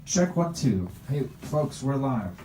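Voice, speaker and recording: Brash comedian, lively pitch, noisy store. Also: male voice, takes it slowly. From Bosnia. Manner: brash, provoking the crowd. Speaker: stand-up comedian. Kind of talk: crude improvised stand-up in a shop. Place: retro video game store. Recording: far from the mic, noisy store.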